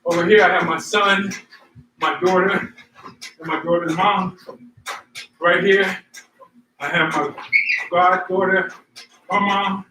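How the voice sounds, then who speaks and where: A man's voice: high-pitched, fairly even intonation, slow pace, long pauses. A man chatting casually and motivationally to viewers while running and power walking during a workout. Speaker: host of a running workout vlog. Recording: roomy, distant mic, faint noise.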